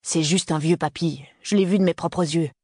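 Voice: mid-range voice, fairly even intonation, normal speed, darkish tone, dry recording, clean studio sound, close to an everyday voice. A reader voicing a young male university student in an audiobook, who argues and pleads insistently. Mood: sulky. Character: young man, restless university student son. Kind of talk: audiobook character reading.

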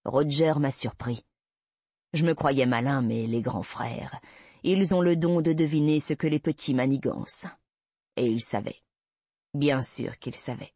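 A man voicing an obsessive, creepy man who slowly confesses to a kidnapping, in a soft, unsettling manner. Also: medium pitch, dry recording. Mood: bitter. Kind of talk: audiobook reading.

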